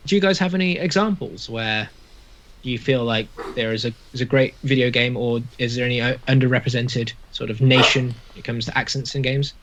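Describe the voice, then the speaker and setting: A man's voice: mid-range voice, fairly quick, a bit bright, a little hiss or hum. A British man hosting a casual podcast, putting questions to friends over a video call. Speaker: podcast host. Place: indoor video call from home. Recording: slightly dull video-call audio.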